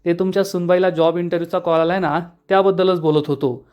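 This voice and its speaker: A man's voice: sits high, little pitch movement, fast talker, clear, resonant tone, highs cut off, close to an everyday voice. A man reading the lines of a cheeky, joking young man in a retold story. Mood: joking, breezy. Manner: playful, reassuring.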